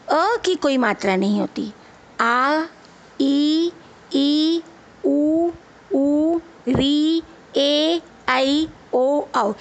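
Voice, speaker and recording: A woman schoolteacher speaks in a high voice with a gravelly edge, walking children slowly through a lesson. She sounds out each letter on its own. She keeps asking the class questions and then answering them herself. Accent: Hindi. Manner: slow, deliberate, spelling out letters one by one. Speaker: school teacher.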